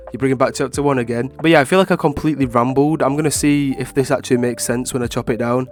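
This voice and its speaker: A man with a stuffed-up, nasal sound from being ill talks at a middling pitch. He gives informal gaming commentary in a loose, rambling way, as if thinking through his opinions for his viewers. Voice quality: nasal, congested. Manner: informal, rambling, frequent hedging with "like" and "obviously". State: ill with a blocked nose. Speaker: gaming video creator.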